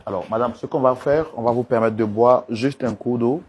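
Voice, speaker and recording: A man hosting and mediating a couple's dispute, coaxing and calming them with polite, repeated requests. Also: mid-range voice, normal speed, slight background noise. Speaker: host and mediator. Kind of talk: talk show mediation.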